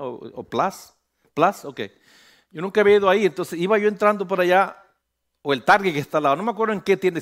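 A pastor preaching a sermon on a church stage, animated, slipping English phrases in and building to loud emphatic peaks. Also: male voice, on the high side. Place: church stage under bright lights.

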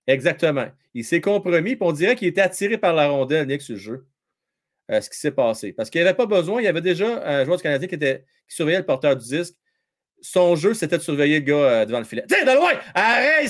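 A man with a Québécois French accent calling a hockey game live, animated and loud at big plays, chatting with his viewers in between. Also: fairly high pitch. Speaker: hockey commentator and live-stream host. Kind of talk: excitable live play-by-play commentary.

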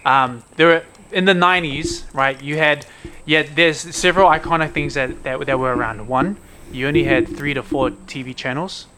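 Bright-voiced man with a broad Kiwi accent. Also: on the high side, fairly even intonation, moderate pace, slight background noise. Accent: broad New Zealand (Kiwi). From New Zealand. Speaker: podcast co-host. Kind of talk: casual chat explaining slang.

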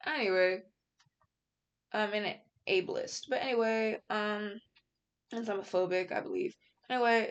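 A woman's voice: medium pitch, fairly bright tone. A young woman giving casual reaction commentary, rambling with many fillers, restarts and slang. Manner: outspoken, frequent casual slang. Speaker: commentary vlogger.

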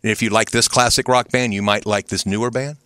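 A man's voice: on the low side, fairly even intonation, pushed and bright, smooth, no echo. A man co-hosting a podcast, chatting casually with wisecracks. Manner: wisecracking, quick. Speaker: podcast co-host. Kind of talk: casual chat.

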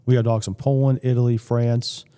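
A man's voice: medium pitch, level tone, normal speed, warm tone, smooth, long reverb tail. A man in his fifties, a police K-9 sergeant, chatting as a podcast guest and often restarting his sentences. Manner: rambling, with frequent restarts and self-corrections. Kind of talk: casual interview chat.

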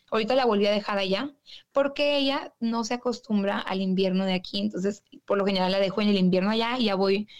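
A woman from Monterrey with a northern Mexican accent, telling her stories as a guest in a casual, slangy way. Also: medium pitch. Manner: chatty, slangy, quotes people in her stories. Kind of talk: casual storytelling in an interview.

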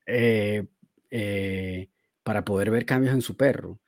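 A man's voice: lowish voice, slow pace, a little mellow, no room sound, studio quality. A man, a dog trainer talking casually on a podcast, thinking aloud in loose, searching phrases.

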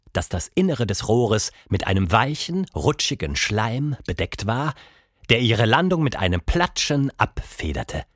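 A man reads a children's story aloud with a very lively, rising and falling delivery. The recording is close and dry, with no room sound. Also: medium pitch, no room sound. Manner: lively expressive reading. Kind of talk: children's audiobook narration.

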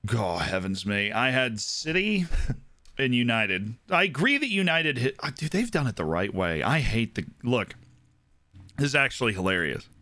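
A man from the United States co-hosting a casual football chat, talking in an animated, joking way. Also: mid-range voice, normal speed, no echo. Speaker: football podcast co-host.

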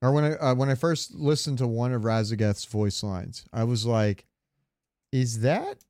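A podcast co-host rambles through jokey, sweary stories in a casual comedic chat. His medium-pitched voice is expressive and a little mellow, moving at a moderate pace, and the recording is dry with clean studio sound.

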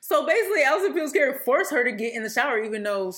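A woman with a fairly high voice co-hosts a relaxed film podcast. She chats casually and retells movie scenes at length, with plenty of fillers. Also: very fast. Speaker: podcast co-host.

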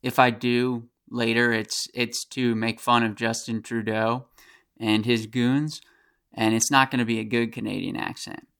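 A man's voice: medium pitch, little pitch movement, unhurried, vocal fry, a bit bright, clean tone. An American man hosting a podcast, giving passionate, profane solo commentary in a ranting way. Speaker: podcast host.

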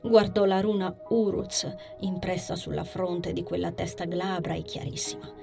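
Expressive woman narrating a fantasy story. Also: fairly low pitch, moderate pace, gravelly, over music. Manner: expressive reading that drops into soft whispers. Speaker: audiobook narrator. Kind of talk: scripted narration of a fantasy novel.

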